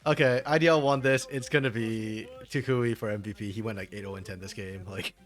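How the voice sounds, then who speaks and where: A man co-casting an esports stream in a casual, playful chat, quick to tease and joke. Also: on the low side, fairly even intonation, soft background music. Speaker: esports co-caster.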